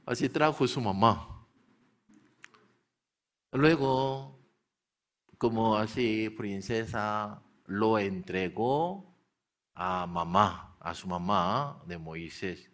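Slow-paced male preacher telling a story. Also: fairly low pitch. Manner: asks the listeners rhetorical questions and answers them; animated retelling, slips into character voices. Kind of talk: storytelling sermon.

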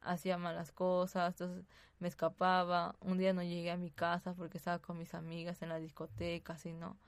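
A woman's voice: on the low side, monotone, brisk, smooth, no room sound. A woman giving a hesitant personal testimony as a radio guest, tagging her sentences with "así, ¿no?". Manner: soft-spoken, hesitant storytelling.

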